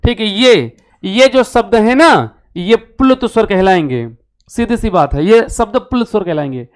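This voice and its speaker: A man's voice: sits high, lively intonation, normal speed, clear, resonant tone. A male Hindi teacher giving an exam-prep class, asking questions and answering them himself and repeating key terms.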